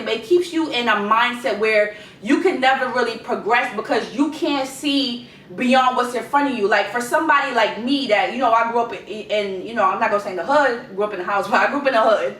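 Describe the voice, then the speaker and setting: Young Guyanese-accented woman in an echoey room. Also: a bit bright. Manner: conversational, repeats key words for emphasis. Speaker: vlogger giving life advice. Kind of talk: informal advice vlog. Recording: echoey room, distant mic, rumbling noise.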